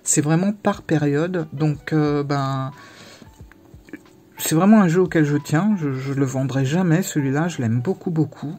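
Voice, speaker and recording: A woman vlogger talks casually to the camera about her tarot decks, halting and interrupting herself with frequent pauses. Her voice is low and warm, with faint music in the background.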